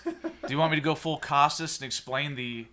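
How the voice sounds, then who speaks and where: A man's voice: fairly high pitch, fairly even intonation, brisk, sharp tone, a little hiss or hum. A man in his thirties hosting a casual sports podcast, opinionated and sarcastic as he rants. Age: 30s. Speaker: podcast host.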